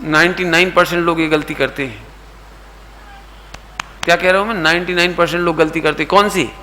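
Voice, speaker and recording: A middle-aged man giving a sermon to a youth camp, asking his listeners questions, mixing in English words, and now and then slowly singing a line of verse. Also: fairly high pitch, bright, forceful tone, slight background noise. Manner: asks the audience questions and coaxes answers; sings verse lines slowly. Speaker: Jain preacher.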